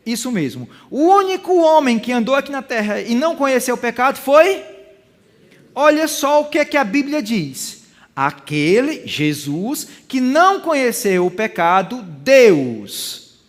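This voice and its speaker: Male Bible teacher, Brazilian accent, high voice, preaches a lively lesson with questions to the room. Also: measured pace. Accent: Brazilian Portuguese. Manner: animated preaching, questions to the audience, acts out quoted voices. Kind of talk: sermon-style Bible lesson.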